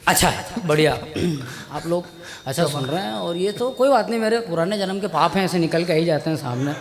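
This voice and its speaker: A comic poet on stage, telling chatty, self-mocking stories and acting out the dialogue. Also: male voice, sits high, lively intonation, a little fast, in a large hall, some chatter behind. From India. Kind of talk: stand-up storytelling at a poetry gathering. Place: stage at a poetry gathering. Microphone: stage mic on a stand.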